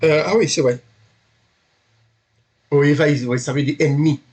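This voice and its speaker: A man with a slightly husky voice, pitched a little high, teaches a beginner Hebrew class. He talks haltingly, often repeating and correcting himself, and keeps checking that his students follow. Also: fairly even intonation, a little mellow. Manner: patient, checks students understand.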